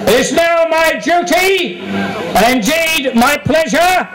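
An older man bellows a proclamation as a town crier. His voice is pushed very high and swings widely in pitch. Each phrase is drawn out ceremonially and carried through a PA on an outdoor stage. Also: sing-song, poor audio. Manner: booming, ceremonial, drawn-out delivery. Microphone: stand microphone through PA.

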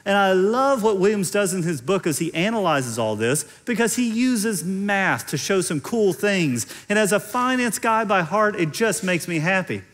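A man's voice: sits high, sing-song, moderate pace, hardly any pauses, a bit bright. A middle-aged man with a Central Kentucky accent preaching in a conversational, explanatory way, repeating phrases for emphasis. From central Kentucky, United States. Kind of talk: teaching sermon on stage. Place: large indoor stage.

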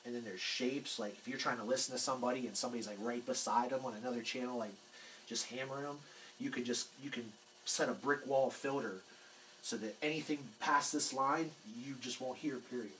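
A radio hobbyist gives a casual, hands-on technical demo in a cluttered indoor workshop, explaining informally and sometimes trailing off. His medium-pitched voice is fairly quick and a bit bright. The clip comes from a handheld camera held off screen in a noisy room.

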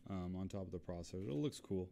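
A man acting as lead technical expert, explaining computer parts in a relaxed way with frequent fillers. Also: low-pitched, fast talker, gravelly, slight background noise.

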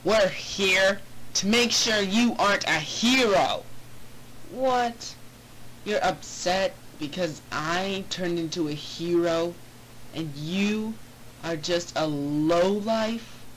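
Amateur cartoon hero, brash and flippant, voiced by a woman, lower-ish voice, very slow reads. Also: fairly bright tone, a little hiss or hum, rough recording. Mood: snippy. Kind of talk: amateur animated video voice acting.

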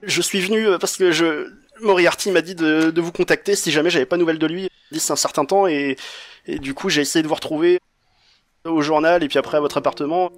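A man's voice: a little high, steady tone, quick pace, pitched above the performer's own voice, natural voice. A man playing a frightened young male informant who stammers and repeats himself as he pleads, in tabletop role-play. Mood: nervous, stammering. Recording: music in the background.

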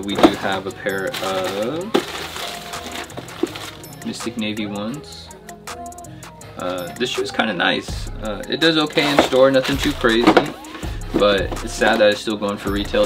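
Chill guy vlogging from his sneaker store, lowish voice, loud music behind. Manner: laid-back, filler-heavy chatter. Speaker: sneaker shop owner. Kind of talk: casual vlog talk to camera. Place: indoor sneaker shop.

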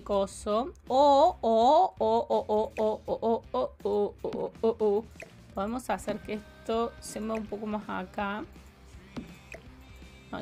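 A woman in her forties with a Córdoba Argentine accent, chatting playfully with her viewers while she plays a game, humming sing-song fillers. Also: medium pitch. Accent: Córdoba Argentine Spanish. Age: 40s. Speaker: streamer. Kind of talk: casual live-stream chat while playing.

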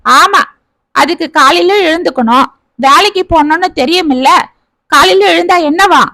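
A woman's voice: very high-pitched, normal speed, bright, forceful tone, no room sound, voice pushed up, heavily acted. A woman voicing a grumpy retired older man who grumbles and complains, in a family story. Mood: grumbling. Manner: sulking, complaining.

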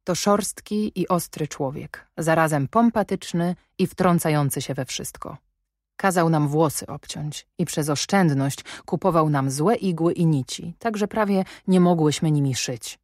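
Young governess, quiet and firm as a lady reads her, low voice, dry sound. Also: measured pace, no room sound. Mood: earnest. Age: young adult. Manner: plain, restrained, quietly firm. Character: earnest young woman governess, reserved but proud. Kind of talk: audiobook reading.

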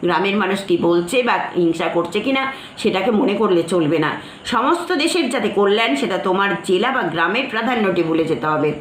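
A woman teaching literature, her voice at a middle pitch. She reads a passage aloud, then breaks it down, saying phrases twice. The room echoes around her, and a faint hiss runs underneath. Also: animated, moderate pace. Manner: reads a line, then explains it, often repeating phrases. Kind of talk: explaining a literature text to students.

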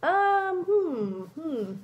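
This young adult's voice is very high-pitched and sing-song, delivered extremely slowly, with the highs cut off. She's a fursuit vlogger in costume, casually answering viewers' questions despite a congested cold, sounding hesitant and apologetic with many ums. A phone at arm's length records her in a small room.

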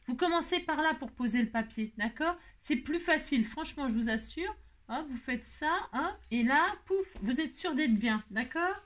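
A woman's voice: high-pitched, animated, normal speed. A tired woman hosting a casual crafting tutorial, chatty and self-mocking, talking straight to her viewers.

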